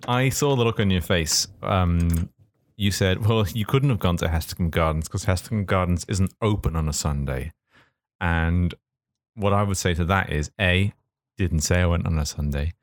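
A male podcast co-host telling a comic story in casual banter, mock-pedantic and halting as he builds his points. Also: deep voice, no echo, studio quality.

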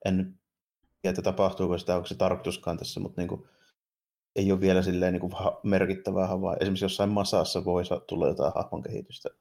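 A man's voice: low voice, little pitch movement, a little mellow. A man co-hosting a casual podcast, talking hesitantly with many fillers and restarts. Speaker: podcast co-host. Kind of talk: casual chat about games and anime.

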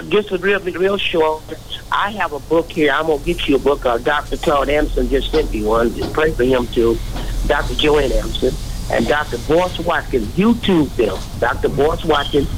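A man's voice: on the high side, moderate pace, a little hiss or hum, rough recording. An older man calling in to a radio show by phone, talking in an earnest, rambling, preachy way. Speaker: caller. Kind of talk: casual radio call-in. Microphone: phone call.

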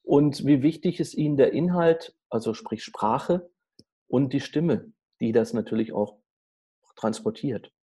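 A man interviewing a guest, asking his questions in a measured and polite way. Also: medium pitch, warm tone, husky.

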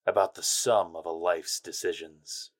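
Low, slow, brooding private eye. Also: male voice, fairly even intonation. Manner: world-weary, sardonic. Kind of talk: noir audio drama acting.

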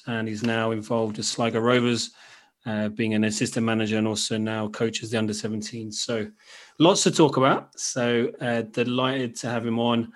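An Irish-accented man hosting a casual interview, speaking informally and haltingly as he rephrases his thoughts. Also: mid-range voice. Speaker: podcast host.

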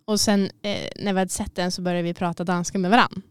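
A woman co-hosting a podcast chats casually, a bit self-conscious and quick to laugh. Her lowish voice is smooth with fairly even intonation, captured on a studio mic with no room sound.

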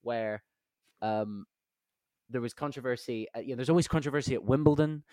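A man's voice: medium pitch, a little fast, dark tone, no echo. Male podcast co-host, sarcastic riffer, dry studio sound. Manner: sarcastic, riffing with mock voices. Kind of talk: casual comedy chat.

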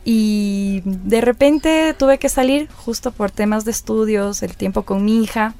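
A woman radio presenter in her thirties telling her story in a casual interview, acting out the dialogue she recalls. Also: a little slow. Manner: lively, acts out quoted dialogue with rising pitch.

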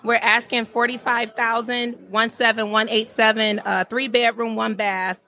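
A woman pitching property deals at a meeting, running through listing details and fixing small slips. Her voice is bright and a little high. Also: level tone, normal speed. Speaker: real estate seller pitching properties. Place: crowded meeting room.

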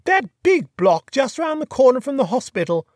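A narrator voicing an elderly dowager duchess who gossips slowly and emphatically on the telephone, in an audiobook. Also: high voice, big pitch swings, a little mellow, no echo, studio quality, voice pushed up. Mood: gossiping. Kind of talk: audiobook dialogue.

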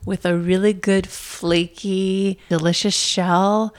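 A woman co-hosting a casual podcast, playful and quick to laugh. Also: medium pitch, level tone, smooth. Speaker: podcast co-host. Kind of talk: casual chat. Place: Somerville, Massachusetts.

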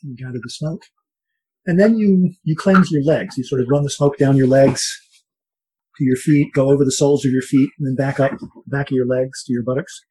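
A man with a slightly husky voice teaches shamanic ceremony as a guided meditation, in slow, repetitive, soothing phrasing. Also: medium pitch, dark tone, rough recording. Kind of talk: guided meditation and spoken ritual instruction.

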